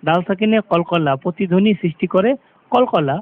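A high-pitched man teaches Quran recitation, explaining each sound in turn and then chanting the verse slowly and drawn out. The recording is thin and tinny, like it is coming through a phone line. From Bangladesh. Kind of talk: step-by-step recitation lesson.

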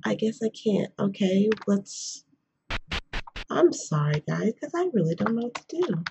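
A young woman hosting a game playthrough in a quiet whisper, chatting casually as she plays. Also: medium pitch, big pitch swings, measured pace, gravelly, music in the background. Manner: whispering quietly, keeping voice hushed. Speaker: gaming video host. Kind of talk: whispered let's play commentary, casual chat. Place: indoors at home. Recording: noisy background, keyboard and mouse clicks.

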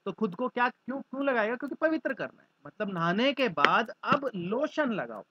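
A man's voice: extremely high pitch, normal speed, lo-fi sound, background noise. A male teacher explaining vocabulary through mnemonics, acting out little scenes as he goes. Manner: lively, acts out little scenes.

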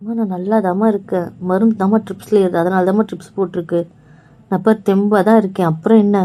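A woman's voice: mid-range voice, fairly even intonation, quick pace, dark tone. A woman playing a tired daughter who reassures her family in a scripted family drama. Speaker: sick daughter in a family web series.

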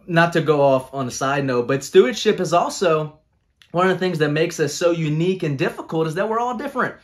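Earnest man on a video call. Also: a little high. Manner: earnest, coaching tone. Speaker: guest speaker on leadership. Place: small home room.

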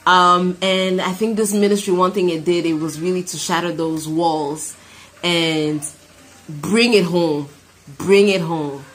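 A woman's voice: on the low side, fairly even intonation, a little slow. A woman in her thirties from Cameroon giving a heartfelt, emphatic personal testimony and prayer to camera. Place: small room indoors. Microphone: phone at arm's length.

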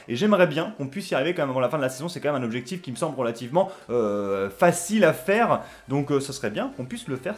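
A young man chatting casually over his football video game, filling gaps with hesitations and shouting with excitement at big moments. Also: fairly high pitch. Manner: chatty, lots of fillers, bursts of excited shouting on goals. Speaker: gaming YouTuber. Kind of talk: casual gameplay commentary.

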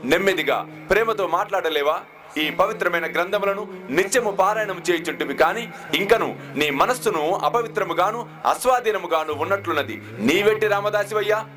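A man's voice: sits high, a bit bright. A man voicing a stern old holy man. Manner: slow, archaic formal scolding. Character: revered old male saint, stern but patient. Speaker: spiritual teacher.

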